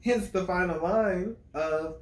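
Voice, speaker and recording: A man breaking down a song as a music reviewer, talking it through in a casual, musing way. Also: sits high. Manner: slow, musing, reads lyrics aloud. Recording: roomy, echoey room.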